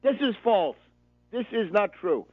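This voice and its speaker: This American man's political radio commentary plays like a didactic lecture: he is emphatic, hammers his points through insistent repetition, and keeps checking with "right?". His voice sits high with big pitch swings and an unhurried pace, free of echo, on narrow, phone-like radio audio.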